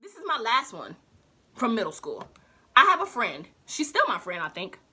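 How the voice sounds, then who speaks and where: Young woman vlogging a storytime, super animated, bright voice. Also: fairly high pitch, moderate pace, breathy edge. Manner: animated, slangy storytelling with acted quotes. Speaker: beauty vlogger. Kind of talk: storytime while doing makeup.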